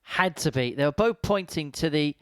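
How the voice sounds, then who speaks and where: A man giving measured, descriptive commentary on a darts match. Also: on the high side, animated, noisy background.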